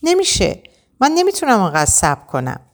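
A woman's voice: lowish voice, sing-song. A woman voicing an anxious, spoiled rich young woman who pleads and stammers in an audiobook. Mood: pleading.

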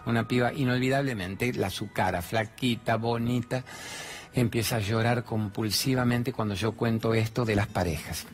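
A man's voice: medium pitch, steady tone, normal speed. A man with an Argentine accent giving a motivational talk, colloquial and blunt, acting out dialogues as he tells stories. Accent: Argentine Spanish. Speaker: spiritual speaker. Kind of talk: motivational stage talk with storytelling. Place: studio with two fixed cameras.

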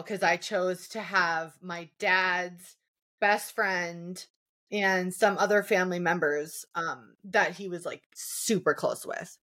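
Woman host, talks slow, reflective and emotional, lots of "like" and "um". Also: medium pitch, fairly bright tone. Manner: reflective, emotional, many fillers. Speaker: podcast host. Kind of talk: conversational interview.

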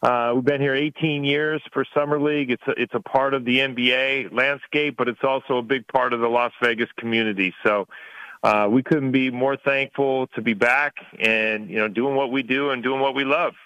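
A man's voice: medium pitch, fairly even intonation, normal speed, sharp tone, clear, resonant tone, dry recording. Male radio guest, slightly muffled sound. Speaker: event promoter, interview guest. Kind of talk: casual radio phone interview. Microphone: telephone. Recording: dull, dry phone-in audio.

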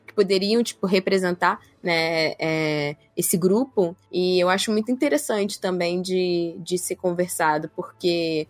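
A woman's voice: lowish voice, a little slow, few pauses, dry recording. A woman with a Brazilian accent hosting a casual podcast chat, rambling through her points with many fillers. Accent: Brazilian Portuguese. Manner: meandering, frequent fillers like "tipo" and "né". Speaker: podcast host.

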